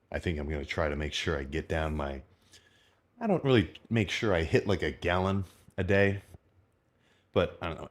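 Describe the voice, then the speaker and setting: A man in his twenties chatting in a casual, rambling, slangy way, as a fitness vlogger. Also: sits low. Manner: rambling, informal, full of slang and mild swearing. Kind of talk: casual unscripted vlog chat about eating and training.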